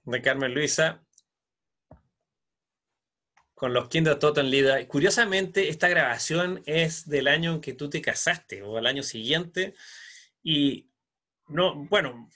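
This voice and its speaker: A man with a Chilean accent hosting a conversational interview, asking leading questions in a warm way. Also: a little high, measured pace. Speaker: interview host.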